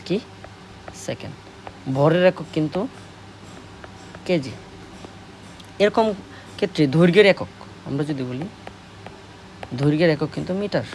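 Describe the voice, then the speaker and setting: Bangladeshi man teaching, slow and repetitive. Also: a little high, animated, vocal fry, a little mellow, slight background noise. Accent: Bangladeshi Bengali. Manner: slow, repetitive, asks questions and answers them. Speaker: math tutor. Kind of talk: classroom lesson explaining at a board.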